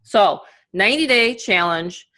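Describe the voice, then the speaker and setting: A middle-aged woman with a New York accent, giving an energetic, chatty motivational webinar as an online marketing coach. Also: mid-range voice, unhurried. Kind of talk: casual webinar presentation.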